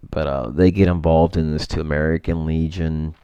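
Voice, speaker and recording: A man's voice: extremely low pitch, fairly even intonation, moderate pace, warm tone, clear, resonant tone, no echo, lo-fi sound. A man vlogging at home, talking through what is on his screen in a rambling way, full of fillers and self-corrections. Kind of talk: casual screen-share commentary.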